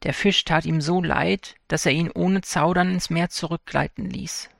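A man narrating a fairy tale for an audiobook in a calm, measured storytelling manner. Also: on the high side, gravelly, no echo, studio quality.

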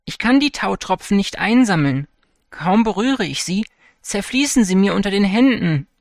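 A man's voice: high voice, lively intonation, normal speed, vocal fry, dry recording, clean studio sound, pitched above the performer's own voice. A man putting on a vain young princess. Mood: lamenting. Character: vain, spoiled young princess, high and pleading.

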